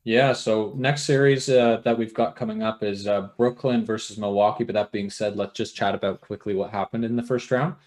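A man's voice: lowish voice, fairly even intonation, fairly quick, few pauses, a little mellow. A man hosting a casual sports podcast, easygoing and jokey, steering the talk with questions to his co-host.

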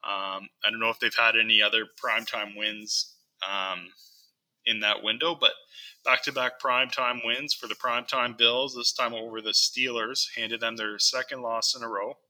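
A young man co-hosting a casual sports podcast, speaking in a halting, deadpan way full of ums and restarts. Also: medium pitch, low-quality recording. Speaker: podcast co-host.

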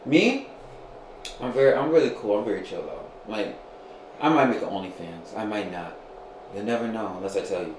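A man in his twenties hosting a casual chat, animated, gossipy and joking. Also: lowish voice, normal speed, long pauses, echoey room, slight background noise, poor audio. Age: 20s. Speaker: podcast host.

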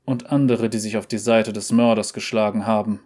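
A man voicing a loyal, dutiful veteran seneschal in a measured, solemn tone. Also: on the low side, flat delivery, a little mellow, lightly acted. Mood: grave.

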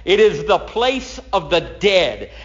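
A man teaching through the Bible as a sermon, reading scripture dramatically and drawing out Hebrew words slowly. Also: high voice. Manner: expressive, reads scripture dramatically, draws out words; reads Hebrew aloud slowly. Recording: dull lo-fi podcast recording.

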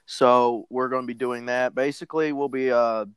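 A man's voice: medium pitch, level tone, moderate pace, smooth, dry recording, low-quality recording. A man chatting casually on a group call, rambling with many fillers and restarts. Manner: rambling, filler-heavy, self-correcting. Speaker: podcast co-host guest.

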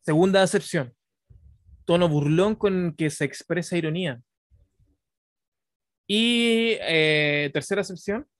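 A man's voice: high-pitched, slow pace, long pauses, no echo, studio quality. A Chilean man co-hosting a podcast, joking and teasing his partner and reading definitions aloud. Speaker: podcast co-host. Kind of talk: casual podcast banter.

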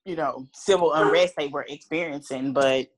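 A woman's voice: sits low, normal speed. A woman co-hosting a podcast in casual chat, slangy and laughing often. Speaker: podcast co-host.

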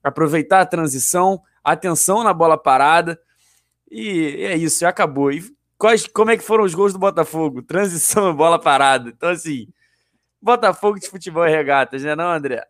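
A hoarse man co-hosting a casual live-stream football chat, excited as he breaks down the game. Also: on the high side, a little fast, dry recording, studio quality. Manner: excited, analytical football talk. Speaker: co-host.

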